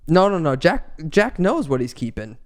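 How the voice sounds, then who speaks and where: A man's voice: fairly high pitch, sing-song, normal speed, a little mellow. A man co-hosting a casual fantasy football podcast, thinking aloud with lots of restarts. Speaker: podcast co-host. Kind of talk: casual chat.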